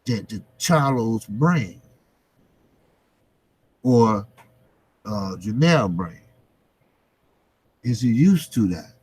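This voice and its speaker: A man with an average-pitched voice talks boxing with his live viewers at a slow pace. His delivery is informal and slangy, with the odd swear word. He repeats phrases for emphasis and lets pauses hang between them. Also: darkish tone, breathy edge, low-quality recording. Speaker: boxing vlogger, host. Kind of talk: casual boxing commentary to live chat viewers.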